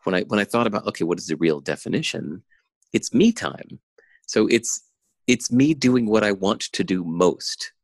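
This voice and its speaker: A man's voice: on the low side, expressive, moderate pace, no room sound. A man talking as a podcast guest in casual conversation, intense and enthusiastic, laughing often, over a remote call.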